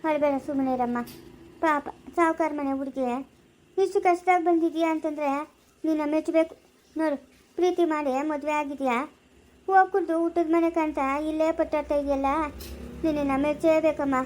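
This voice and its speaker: A kindly old village grandmother soothes and comforts with repeated gentle words, as a woman acts her out. Her tone stays soft and protective. It plays as a homemade family drama. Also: high-pitched, steady tone, brisk, slight background noise, close to an everyday voice. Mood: consoling.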